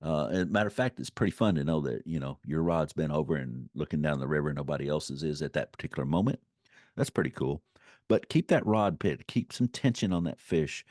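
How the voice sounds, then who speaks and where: Very deep-voiced man, folksy instructor. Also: brisk, a little mellow, no room sound, clean studio sound. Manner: folksy, rambling, circles back to repeat points. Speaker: fly-fishing instructor. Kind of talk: informal unscripted instructional talk.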